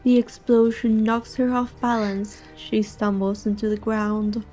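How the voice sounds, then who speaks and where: Young woman streamer, soft-spoken, mellow tone, slow, chatty, reading story aloud, faint music. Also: a little high, level tone. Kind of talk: casual gaming chat, reading story aloud.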